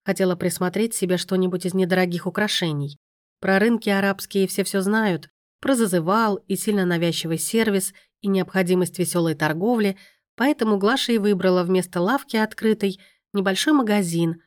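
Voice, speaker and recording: A woman's voice: mid-range voice, brisk, no echo, clean studio sound. A woman narrating a story aloud in a wry, sardonic manner. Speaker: audiobook narrator. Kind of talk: scripted narration.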